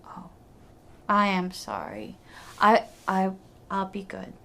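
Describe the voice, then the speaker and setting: A woman voicing a sneaky, eager young boy in a fairy tale, often hushed to a whisper. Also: mid-range voice, monotone, slow, creaky, full character voice. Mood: meek. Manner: hushed whisper when scheming.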